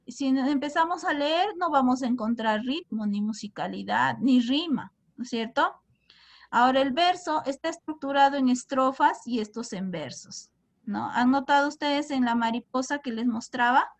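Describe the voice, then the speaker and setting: A young woman teacher, explaining to her class and asking them questions often. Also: high-pitched. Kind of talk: classroom lesson.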